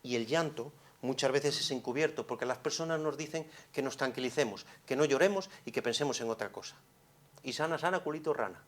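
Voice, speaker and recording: A man gives a psychologist's conference talk into a microphone in a conference hall, at medium pitch and a fairly quick pace. He's expressive and full of rhetorical questions, sinking to near-hushed tones before rising to carrying emphasis.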